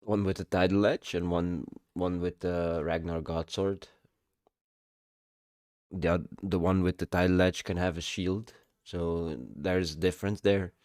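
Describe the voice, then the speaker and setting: A man streaming a casual update on his game progress, halting with many ums, and he has the hiccups. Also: low voice, little pitch movement, a little mellow, no echo, clean studio sound.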